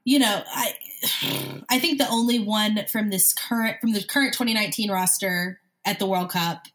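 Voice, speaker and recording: A woman hosting a casual sports chat in a bright, forward voice at a medium pitch. She lays out her points analytically, and a smoker's cough has her clearing her throat often. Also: steady tone, normal speed. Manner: analytical, recites player statistics. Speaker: sports talk show host.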